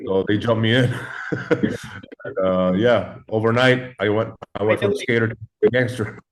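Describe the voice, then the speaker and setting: This clip has poor audio. Pitched lowish and mostly flat, a man in his forties from Los Angeles unhurriedly recounts his story as a guest, casual and heavy on fillers and profanity.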